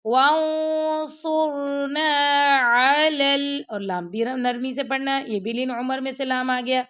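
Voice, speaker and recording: A woman with a high voice teaches a tajweed lesson online. She explains patiently, one step at a time, and keeps checking that her students follow. English words slip into her explanations. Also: steady tone.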